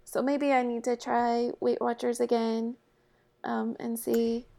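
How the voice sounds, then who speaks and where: Slow, gravelly-voiced woman co-host. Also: a little high, monotone, warm tone. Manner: halting, restarts her sentences often. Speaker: podcast co-host. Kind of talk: casual chat.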